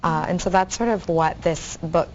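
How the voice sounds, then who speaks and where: A woman's voice: lowish voice, moderate pace, darkish tone. A woman, a guest author, earnestly telling her life story in a TV interview with fillers and restarts. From Bahamas. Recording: dull audio, faint noise.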